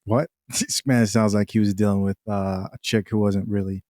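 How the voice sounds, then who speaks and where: A man hosting a reaction video, commenting on clips in a relaxed, casual way as he talks straight to his viewers. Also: lowish voice, normal speed, no echo, studio quality.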